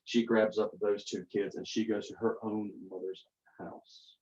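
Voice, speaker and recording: A man's voice: on the low side, little pitch movement, measured pace, darkish tone, dull audio. A man, a college instructor telling a story in a lecture, using rhetorical questions and dramatic repetition.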